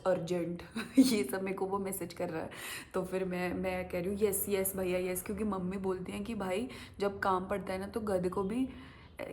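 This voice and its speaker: A woman's voice: medium pitch, a little hiss or hum. A young woman telling a story casually to camera as a vlogger, acting out the voices of the people in it. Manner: animated, acts out quoted voices.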